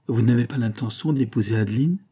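A man's voice: medium pitch, quick pace, mellow, slightly rough, natural voice. A man reading the lines of a proud young woman who firmly turns away a suitor, in a restrained, firm voice.

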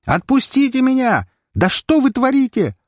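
A man's voice: extremely high pitch, very animated, moderate pace, darkish tone, no room sound, studio quality, pitched above the performer's own voice. A man reading an audiobook, voicing a terrified young woman who pleads and sobs in panic. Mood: panicked pleading. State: sobbing, panicked. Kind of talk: audiobook character voice.

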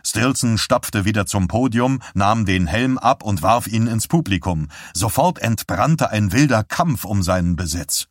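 Male audiobook narrator, lively pitch, expressive storytelling, dry close studio sound. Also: a little slow, few pauses, no room sound.

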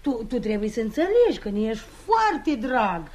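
A woman's voice: a little high, sing-song, a little mellow. An actress playing an emotional, fussy mother and wife, fretful and pleading in a stage comedy. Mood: coaxing.

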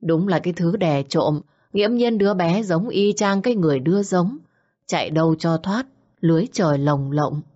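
A woman storyteller reading a dramatic story in a measured, scripted narration. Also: fairly low pitch, mellow, highs cut off.

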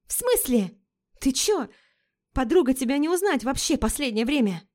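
A woman's voice: high-pitched, big pitch swings, a little mellow, pitched above the performer's own voice. A woman voicing a brash, flighty young woman friend who talks in slang and takes offense easily. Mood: chatty, cheeky. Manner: chatty and slangy, quick to take offense.

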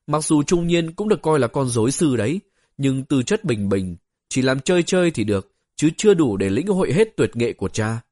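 Steady male storybook narrator, dry sound. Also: medium pitch, no room sound. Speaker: audiobook narrator.

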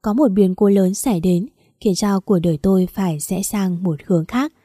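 A woman reads a first-person story aloud at a calm, measured pace. Her voice is mellow and the recording is dry and close. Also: mid-range voice, no room sound. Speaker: audiobook narrator.

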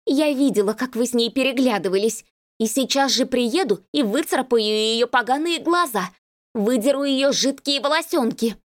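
A woman voicing a jealous young woman chattering fast and shrilly on the phone. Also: close to an everyday voice. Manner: rapid, shrill, accusing.

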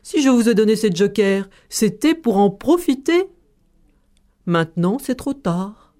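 An idealistic old schoolteacher who likes playful ideas, put on by a woman storyteller. He talks in a calm, reasoning way, with a mellow tone and a pitch that sits mid-range. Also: measured pace, natural voice. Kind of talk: storytelling performance.

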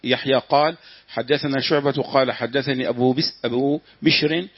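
A man reading a classical religious text aloud to his teacher, steady, with small slips he corrects. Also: medium pitch, a little fast, breathy edge, no echo. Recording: dull, dry lo-fi room recording.

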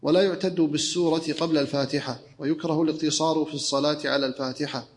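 A man reads a classical text aloud with a steady, recitation-like delivery. His voice sits somewhat high and stays flat and level, with very little rise and fall. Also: fast. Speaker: student reading the text aloud.

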